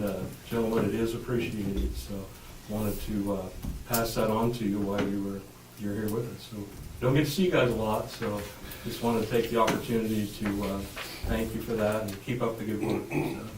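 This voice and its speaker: An American man chairing a council meeting as mayor, speaking politely and a little haltingly in formal procedural language. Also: lowish voice. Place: echoey meeting room. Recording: distant mic, roomy echo, clear background noise.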